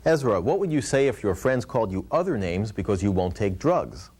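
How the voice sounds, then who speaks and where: A man's voice: on the low side, big pitch swings, fairly quick, darkish tone, husky. A man hosting a puppet show as the ventriloquist straight man, asking questions in a patient, instructive way. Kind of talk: scripted puppet show patter.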